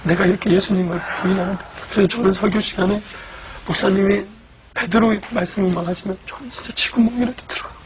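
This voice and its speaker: A man, a church deacon, telling his personal faith testimony in an earnest, emotional way, going from hushed to loud. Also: high voice, steady tone, fast talker, crowd noise, rough recording.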